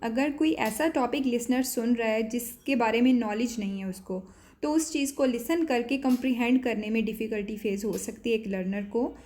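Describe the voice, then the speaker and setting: Higher-voiced woman lecturing calmly. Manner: explanatory, pauses with filler sounds, switches into English terms. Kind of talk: classroom-style lecture.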